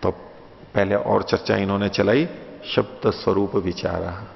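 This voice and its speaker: A man giving a lesson on Vedic philosophy, reciting Sanskrit lines slowly and then explaining them in a conversational, questioning way. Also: lowish voice, steady tone, vocal fry. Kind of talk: lecture explaining Sanskrit sutras. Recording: dull lo-fi audio with long reverb.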